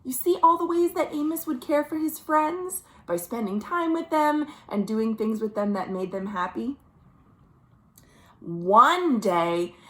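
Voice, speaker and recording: Speaking from her home, a children's librarian from the United States runs a virtual storytime with a high, lively voice. She reads aloud for young children in an expressive, drawn-out way, sprinkling in chatty remarks and soft questions for her listeners.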